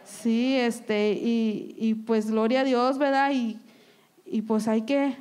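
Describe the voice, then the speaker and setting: A high-pitched woman shares an earnest testimony in church. She speaks in a sermon style and keeps checking in with the congregation for agreement. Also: flat delivery, slow, a little mellow, clear, resonant tone. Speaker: church member giving testimony. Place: church service.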